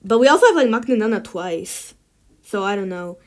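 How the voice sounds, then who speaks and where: A woman's voice: medium pitch, animated, normal speed. A woman ranking things in a tier list, chatting casually and giving blunt opinions with lots of filler words. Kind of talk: casual chat.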